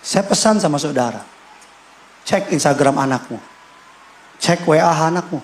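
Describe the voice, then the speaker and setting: Animated high-voiced man preaching. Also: moderate pace, a little hiss or hum. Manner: animated, shifts pitch and loudness, acts out quotes with shouts. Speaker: pastor. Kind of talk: lively sermon. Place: church.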